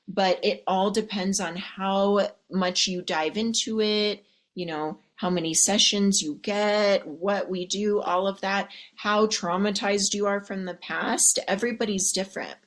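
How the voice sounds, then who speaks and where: A woman coach talks straight to her women viewers in a sassy, chatty way, calling them ladies and darling. She speaks at an unhurried pace and slips into little acted voices to make a point. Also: mid-range voice. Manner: acts out quoted voices. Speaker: love and mindset coach.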